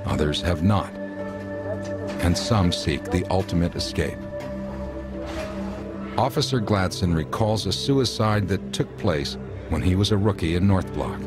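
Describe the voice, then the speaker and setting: Deep-voiced American man, measured documentary narrator. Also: expressive. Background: music.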